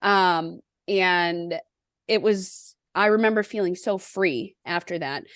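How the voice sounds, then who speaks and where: A woman's voice: on the low side, slow pace, a bit bright, no echo, clean studio sound. A woman hosting a podcast, who tells a personal story reflectively and acts out the quotes in it. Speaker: podcast host. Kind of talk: podcast interview conversation.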